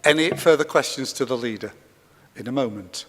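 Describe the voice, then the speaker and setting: A man's voice: medium pitch, fairly quick, a bit bright. A man serving as mayor who chairs a council meeting and firmly cuts in to keep order. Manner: firm, interrupts to keep order. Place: large council chamber. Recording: echoey chamber, faint noise.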